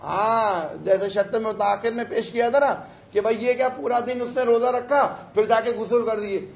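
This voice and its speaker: A man teaching a class, reading Arabic phrases slowly and explaining them in a chatty, teasing way. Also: extremely high pitch, creaky. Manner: chatty, teasing asides to students. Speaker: teacher of religious law. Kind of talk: lecture explaining an Arabic text. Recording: echoey, dull room recording.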